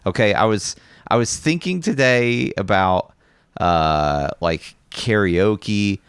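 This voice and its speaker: A man's voice: fairly low pitch, lively intonation, slow pace, smooth, no room sound, clean studio sound. A man co-hosting a casual chat, rambling and self-deprecating with frequent restarts. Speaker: podcast co-host.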